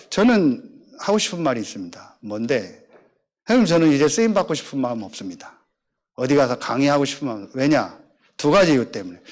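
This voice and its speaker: A middle-aged male pastor, preaching a sermon and acting out the voices in his stories. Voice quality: animated storytelling, acting out dialogue in lower voice.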